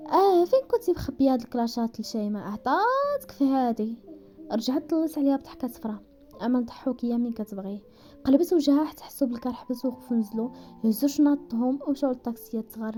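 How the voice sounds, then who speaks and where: A woman with a Moroccan Darija accent narrating a romance story at speed, voicing the characters' dialogue as she goes. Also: fairly high pitch. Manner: rapid, animated reading that slips into characters' voices.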